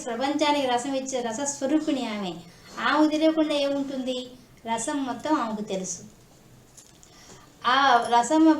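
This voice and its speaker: A woman giving a devotional discourse, asking rhetorical questions and chanting verses slowly. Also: on the high side, roomy sound, a little hiss or hum. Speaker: spiritual discourse speaker.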